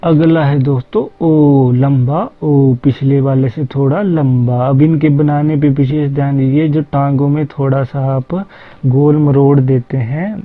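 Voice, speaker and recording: Slow, patient male teacher on tinny audio. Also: mid-range voice, fairly even intonation. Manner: patient, repeats sounds slowly. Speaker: language teacher. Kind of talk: slow explanatory lesson.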